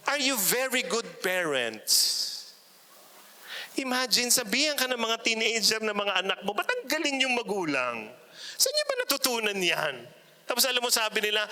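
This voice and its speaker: A middle-aged man preaching at a big indoor retreat, with a high-set, piercingly bright voice. He tells his stories with animated energy, slipping into the voices of the people he quotes and tossing playful asides to the crowd. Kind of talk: humorous parenting talk to a large audience. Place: large indoor arena.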